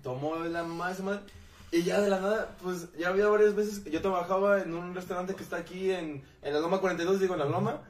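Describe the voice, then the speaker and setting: A man's voice: high-pitched, a little fast, recorded from a distance. A young man with a Mexican accent, telling a story among friends, swearing freely and acting out the lines of the people in it. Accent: Mexican Spanish. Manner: animated, swearing freely, acts out dialogue. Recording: roomy sound, somewhat off-mic.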